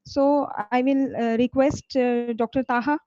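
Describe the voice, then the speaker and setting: A woman with a Pakistani accent formally opens an online meeting as host. Her voice is soft-toned and a little high, and her delivery is halting. The video call audio is dull and lo-fi. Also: steady tone. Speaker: meeting host introducing speakers.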